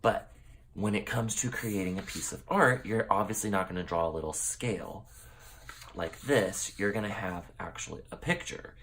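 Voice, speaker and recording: Gravelly deep-voiced male art teacher. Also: normal speed, fairly bright tone, slight background noise. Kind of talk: step-by-step drawing lesson.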